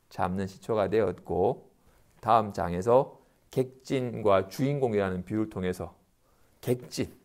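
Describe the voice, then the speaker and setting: A man, a Buddhist monk, giving a dharma lecture and acting out everyday complaints in quick asides. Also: fairly low pitch, gravelly.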